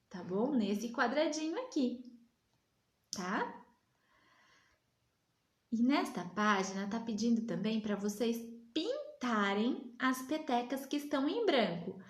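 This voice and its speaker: Slow, patient Brazilian woman teacher. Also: fairly high pitch, echoey room. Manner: slow, patient, drawn-out words for small children. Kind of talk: remote lesson for young children.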